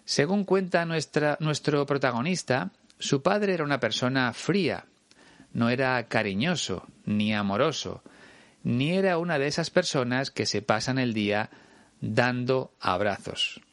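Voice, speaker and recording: A man's voice: mid-range voice, expressive, unhurried, a bit bright, dry recording. A man from Spain with a Spain Spanish accent, teaching a language lesson and patiently explaining things straight to the listener. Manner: patient, clear and explanatory, addressing the listener directly.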